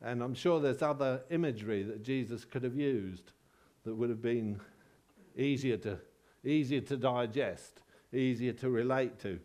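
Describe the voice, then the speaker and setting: A man preaching a sermon in a relaxed, conversational way, halting often and telling personal stories with self-deprecating humour. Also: mid-range voice.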